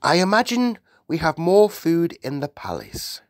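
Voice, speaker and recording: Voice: mid-range voice, huge pitch swings, unhurried, no echo, clean studio sound, pitched above the performer's own voice. A storybook reader voicing a gracious, self-composed queen with a polite, formal manner.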